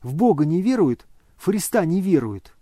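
Man reading as a fiery older noblewoman, scolding, exclaiming, mellow voice, dry sound. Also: fairly high pitch, sing-song, moderate pace, no room sound. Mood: indignant.

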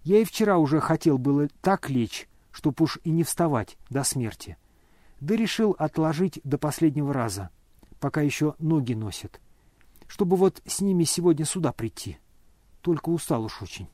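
A man voicing a calm, weary dying young man who speaks hoarsely and quietly, almost in a whisper. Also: fairly high pitch, dry recording, clean studio sound, close to an everyday voice. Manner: calm, polite, measured.

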